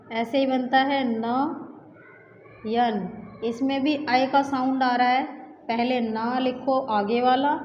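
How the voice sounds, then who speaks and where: A woman with a high voice works slowly through a grammar lesson. She repeats each example with patience and checks in with her students as she goes. The sound is dull and echoey, as if recorded in a bare room, with a faint hiss behind her. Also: a little mellow. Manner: patient, repetitive, checks in with 'okay' often. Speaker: teacher. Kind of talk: exam-prep grammar lesson.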